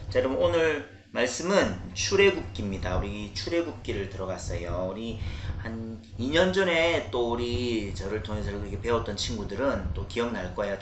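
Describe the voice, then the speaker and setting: A man preaching to children as a children's pastor, lively and coaxing, asking them questions. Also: lowish voice. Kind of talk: children's sermon. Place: church room. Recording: roomy church echo, faint noise.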